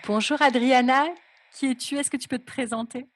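A woman's voice: sits high, fairly even intonation, a little fast, slight background noise. A woman interviewing a guest, asking brief and polite questions.

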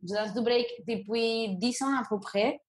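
A young woman from Venezuela, answering interview questions in a halting way, often restarting her sentences. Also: on the high side. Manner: halting, frequent restarts and fillers. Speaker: guest, breakdancer. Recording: roomy echo.

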